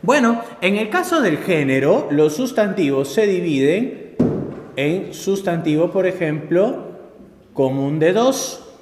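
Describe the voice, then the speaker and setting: A man's voice: sits high, very animated, slow, noisy background. A man teaching a grammar lesson, explaining patiently and checking in with his listeners. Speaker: language teacher. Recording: echoey room with long reverb.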